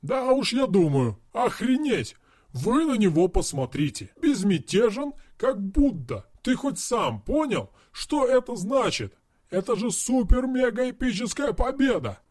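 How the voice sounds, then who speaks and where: A man voicing a brash, excitable young man who yells and swears at his best friend, read as an audiobook character. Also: high-pitched, unhurried, dry recording, studio quality. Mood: excited. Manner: yelling, swearing, mocking.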